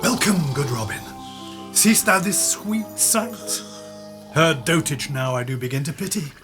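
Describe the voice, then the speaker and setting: Slow, high-voiced fairy king, played by a man. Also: lively intonation, over music. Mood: gloating, pitying. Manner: stately, deliberate verse delivery. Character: fairy king Oberon, stately, scheming, commanding man. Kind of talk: Shakespearean radio play acting.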